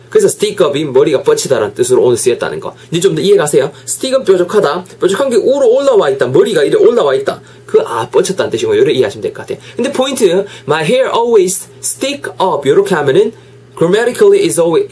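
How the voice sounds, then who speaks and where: A young man teaching an English phrase in a video lesson, slowing right down to drill each sentence. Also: a little high, darkish tone, husky.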